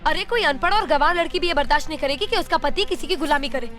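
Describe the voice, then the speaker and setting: Brief: an indignant, high-voiced young wife, scored film scene. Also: female voice, fast, fairly bright tone, faint music behind. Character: proud educated rich young wife, resentful. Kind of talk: 1990s Hindi film dialogue.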